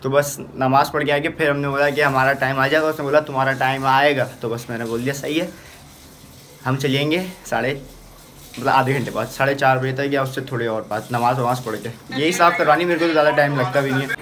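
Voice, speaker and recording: A young man from Pakistan with a Karachi Urdu accent, vlogging at home in a chatty, excitable, teasing way. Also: medium pitch, a little fast, a little hiss or hum. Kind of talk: casual home vlog. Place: family home indoors.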